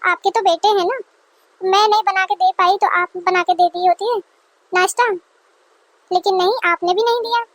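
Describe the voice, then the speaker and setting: A woman's voice: very high voice, steady tone, moderate pace, long pauses, no room sound. A woman voicing an aggrieved young newlywed wife who argues indignantly with her in-laws, in a dry close recording. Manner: indignant, complaining.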